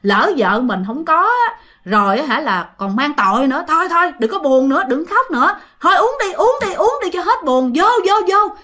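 A woman's voice: a little high, very animated, normal speed, sharp tone, full character voice. A woman voicing a group of tipsy men who scold and coax a crying friend during a spoken ghost story. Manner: scolding, coaxing.

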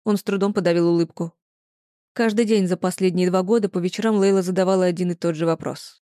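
An audiobook narrator reading a romance story in an even storytelling manner. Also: mid-range voice, quick pace, no echo, clean studio sound. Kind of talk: scripted narration.

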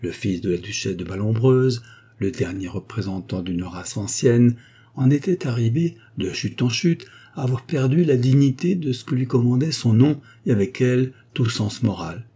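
A male audiobook reader narrating a classic novel at a measured pace. His voice is mellow and dark with a husky grain. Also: mid-range voice.

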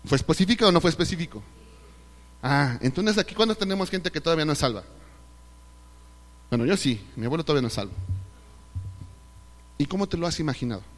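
A Mexican male pastor delivers an animated sermon, firing rhetorical questions and playing out the voices of the people he quotes. His voice sits a little high for a man. The live recording carries a long reverb from the church hall. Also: fast, long pauses. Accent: Mexican Spanish.

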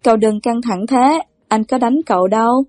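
Audiobook: woman reading a stern older brother, gruff and clipped, scolding. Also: on the high side, moderate pace, a little mellow, no echo, studio quality, lightly acted. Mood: calm stern. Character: stern, irritable older brother, young man.

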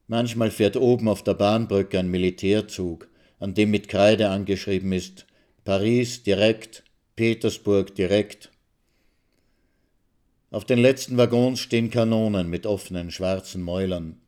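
Low-voiced male literary reader. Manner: calm, measured narration. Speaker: reader of a short story on radio. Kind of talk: literary reading.

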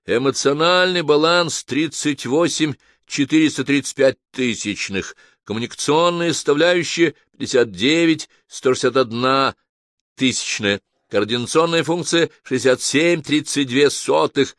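A man voicing a computer announcer that calls out verdicts in a slow, loud, proclaiming way. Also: medium pitch, no echo, clean studio sound, voice pushed up, close to an everyday voice. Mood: announcing.

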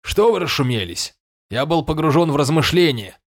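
A man's voice: mid-range voice, expressive, moderate pace, close to an everyday voice. A man voicing a grumpy, drowsy fairy king who speaks in an irritable, drawling way.

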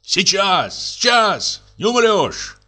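A man's voice: high voice, big pitch swings, slow, bright, forceful tone, faint music behind, pitched above the performer's own voice, full character voice. A man voicing a flustered, tipsy husband. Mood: flustered, frantic. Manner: wheedling, then cursing and exasperated. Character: tipsy, exhausted middle-aged husband, fussy and pleading.

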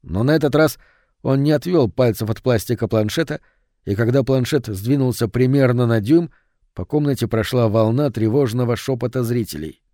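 A man reading a novel aloud as narrator in a steady, measured way. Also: medium pitch, dry recording, clean studio sound. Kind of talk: audiobook reading.

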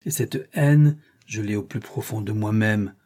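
A bitter, haughty male ex-partner bent on revenge from an adventure audiobook, voiced by a male reader. His voice is warm-dark and somewhat husky, resentful throughout. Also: fairly low pitch, a little slow. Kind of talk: audiobook reading.

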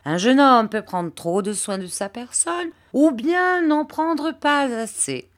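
A woman's voice: fairly low pitch, expressive, unhurried. Mrs Crupp, a woman voicing a nosy motherly landlady. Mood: coaxing. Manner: sentimental, insistent, repeats herself. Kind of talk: audiobook character reading.

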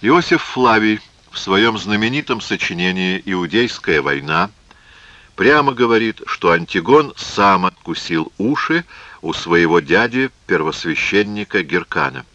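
A man narrating a historical novel as an audiobook in a measured, steady reading. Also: on the low side, no echo, dull audio.

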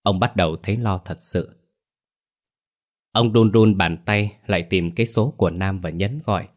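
A man narrating a ghost story in a steady, unhurried reading voice. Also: sits low.

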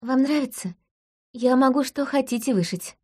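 A woman's voice: high voice, warm tone, breathy edge. A woman voicing a timid, stammering young woman. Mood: polite. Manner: stammering, halting. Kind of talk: audiobook dialogue reading.

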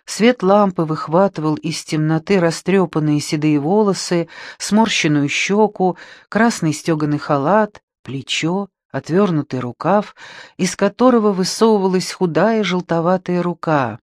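Slow, calm male audiobook narrator. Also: high-pitched, no room sound, studio quality. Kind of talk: scripted literary narration.

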